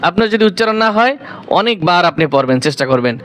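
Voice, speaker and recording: A man with a fairly high voice and a Bangladeshi Bengali accent teaches beginners to read the Quran. He drills each syllable slowly and repeats it over and over. He speaks like a patient classroom teacher. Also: animated, a bit bright. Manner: slow, repetitive drilling of syllables. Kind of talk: step-by-step recitation lesson.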